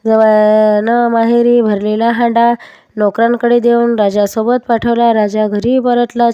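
A woman narrates a devotional folk tale in a fairly high, mellow voice with a flat, even melody. Her delivery is a steady reading with small slips. The recording is smooth, close and dry. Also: dry recording. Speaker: storyteller.

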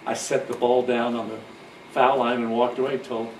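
An older man reminisces about his past in a loose, rambling way, often restarting his sentences and chuckling, and he gets louder on the funny bits. He sounds far from the microphone in an echoey room, with steady background noise. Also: mid-range voice, normal speed. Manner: gets loud and lively on funny parts. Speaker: father telling his life stories. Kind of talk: casual reminiscing storytelling.

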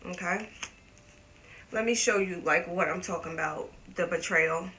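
A woman's voice: fairly low pitch, a little slow, sharp tone, rough recording. Woman, tarot reader, chatty, emphatic, swears, addresses viewers, noticeable background noise. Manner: talks to viewers as "you guys". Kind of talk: casual tarot reading vlog.

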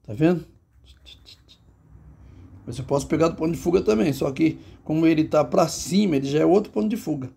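Gravelly-voiced Brazilian man teaching drawing. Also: a little high, brisk, pauses often, mellow. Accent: Brazilian Portuguese. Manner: chatty, talks to himself while drawing. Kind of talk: casual drawing lesson. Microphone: handheld phone.

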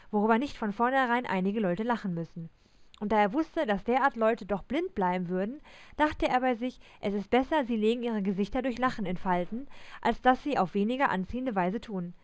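A woman reading a classic Christmas story aloud in German, narrating with expressive, lively delivery. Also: a little high, no echo.

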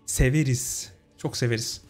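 A young man commentates his game run, chatty and talking to his viewers like friends. His voice sits at an ordinary middle pitch. Soft game music plays underneath. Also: fairly even intonation, moderate pace. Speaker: gaming channel host. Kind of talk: casual let's-play commentary.

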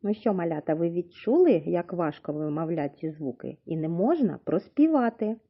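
A woman teaching a literacy lesson to young children, sounding out letters slowly and clearly for them to repeat. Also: lowish voice, big pitch swings. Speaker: preschool teacher. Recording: dull lo-fi recording.

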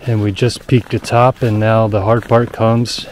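A man narrating his own hike on a snowy forest trail, describing the route in a relaxed, matter-of-fact way. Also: fairly low pitch, a little slow, slight background noise. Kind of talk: casual hiking vlog narration.

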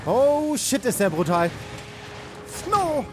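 A young man giving excitable live commentary on a game he is playing, rapidly repeating words and mixing in English slang. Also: very high-pitched. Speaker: let's player. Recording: game music behind.

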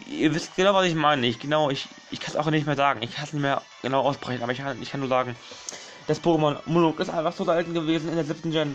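A young man commentating his gameplay casually, excitable, swearing and pleading with the game while addressing his viewers as friends. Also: on the high side. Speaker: gaming channel host.

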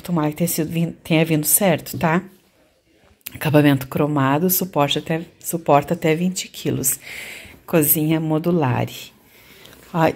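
A woman in her forties filming a casual unboxing vlog in her home kitchen, chatting to her viewers. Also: deep voice. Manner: chatty, addresses viewers as "gente". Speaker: home vlogger. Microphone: handheld phone camera.

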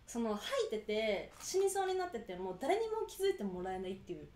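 A woman's voice: on the high side, very animated, brisk, darkish tone. A young woman chatting casually and telling self-mocking stories in polite but informal speech. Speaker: guest on a drinking livestream. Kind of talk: casual chat, telling confessional anecdotes. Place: small indoor studio lounge with sofa. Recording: echoey small room.

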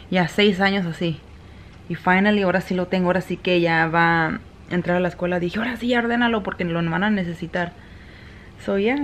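A woman in her thirties with a Mexican accent talks casually to her camera at home, sliding between Spanish and English in the same breath. Her voice sits a little low for a woman. A faint hum of household sound runs behind her. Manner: chatty, mixing Spanish and English mid-sentence. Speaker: vlogger. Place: home indoors.

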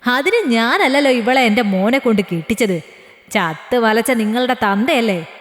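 A woman's voice: a little high, lively intonation, moderate pace, reverberant, in a large hall, close to an everyday voice. A woman doing a spiteful old mother-in-law. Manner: sneering, spiteful. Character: cruel scornful older mother-in-law.

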